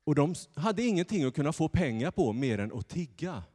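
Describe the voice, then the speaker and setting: A man preaching a lively sermon from the pulpit in a church, acting out the story as he goes. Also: fairly high pitch, husky. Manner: animated, acts out the story's voices. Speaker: pastor. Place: church sanctuary. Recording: long church reverb.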